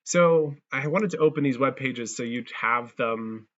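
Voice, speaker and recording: A man giving a casual, chatty software tutorial and thinking aloud as he clicks through each step, his audio crunchy and distorted. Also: mid-range voice, measured pace, lo-fi sound. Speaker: tutorial creator. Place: abroad, working on a laptop.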